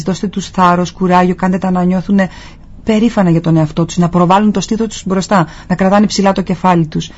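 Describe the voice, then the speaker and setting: Husky earnest guest on a talk. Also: medium pitch, darkish tone. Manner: earnest, advising listeners directly. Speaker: guest physiotherapist. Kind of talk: explanatory interview answers. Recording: dull lo-fi sound.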